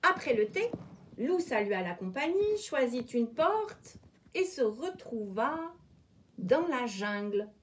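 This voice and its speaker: A woman reads a children's storybook aloud at home with dramatic expression. Her voice is high, swinging widely through each sentence. She takes it slowly, letting every phrase land. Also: big pitch swings, a little hiss or hum. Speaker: librarian.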